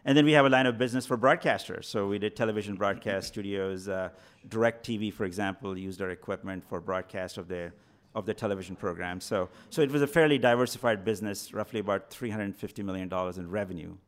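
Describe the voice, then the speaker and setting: A middle-aged man from northern India, a venture capital guest in a radio studio, answering in a measured, matter-of-fact way. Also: fairly low pitch. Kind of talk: interview answers.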